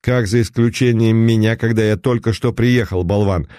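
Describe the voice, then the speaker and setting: A man voicing an excitable, frightened baron in an audiobook reading. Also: on the low side, dry recording, studio quality, voice pushed up, natural voice. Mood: agitated. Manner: agitated, quick and fearful.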